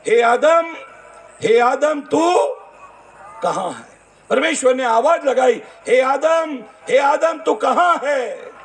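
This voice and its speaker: Middle-aged male Indian pastor, very high voice, story-driven sermon with voiced dialogue. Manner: storytelling, acts out dialogue, calls to congregation. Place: church gathering hall.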